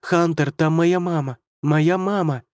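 A man voicing a frightened young girl who cries out in panic with a high, strained pleading voice. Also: normal speed, darkish tone, no echo, close to an everyday voice. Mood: panicked.

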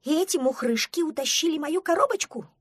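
A tiny young duckling from a storybook, easily upset and quick to wail, its voice shrill and lively, as a woman acts it out. The sound is dry and close. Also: gravelly, dry recording. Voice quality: shrill, crying out.

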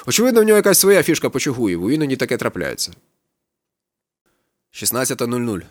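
A man's voice: mid-range voice, huge pitch swings, quick pace, dry recording. A man narrating a literary audiobook in a laconic, ironic storytelling manner. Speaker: audiobook reader.

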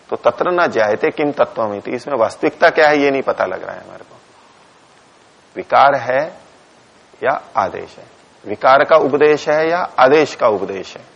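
A man's voice: mid-range voice, gravelly, husky. A man teaching a class on a philosophy text. He reads Sanskrit lines aloud, explains each one in Hindi, dictates punctuation to the students and answers his own questions. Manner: asks questions to the class and answers them himself. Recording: dull lo-fi lecture recording.

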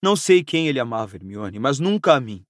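A man's voice: mid-range voice, sing-song, brisk, no echo, studio quality, lightly acted. A Brazilian man reading an audiobook, voicing a bitter, angry teenage wizard boy who raises his voice in outbursts. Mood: furious. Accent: Brazilian Portuguese. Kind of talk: audiobook character voice.

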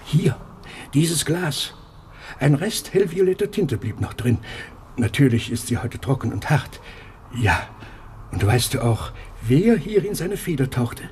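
An actor playing an aging inkwell collector in a radio play, who broods quietly and then flares up into shouting. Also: male voice, mid-range voice, big pitch swings, measured pace, pauses often, slight background noise. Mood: brooding. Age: older.

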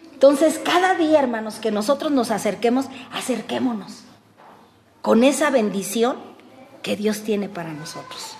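An older woman with a Mexican accent preaching a folksy, conversational sermon, calling her listeners "brothers" and swinging between loud and hushed. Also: a little high, gravelly, echoey room, slight background noise. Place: church hall.

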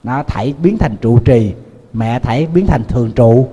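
Folksy monk, mellow voice. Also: male voice, mid-range voice, moderate pace, breathy edge, lo-fi sound. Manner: folksy, addresses the audience directly, animated retelling. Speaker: Buddhist monk giving a dharma talk. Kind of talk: storytelling sermon.

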